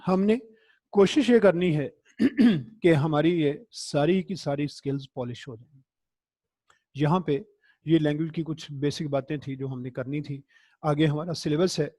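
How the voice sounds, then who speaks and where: Middle-aged male lecturer; warm, relaxed tone, encouraging and anecdotal. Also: on the high side, breathy edge, dry recording. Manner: conversational and encouraging, tells anecdotes. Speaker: teacher. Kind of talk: recorded classroom lecture.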